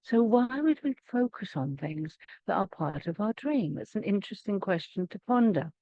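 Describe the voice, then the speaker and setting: Woman, meditation teacher, gentle and unhurried, dry muffled video call sound. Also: mid-range voice, animated, dry recording. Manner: gentle, unhurried, with many small restarts. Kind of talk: guided meditation and spiritual teaching.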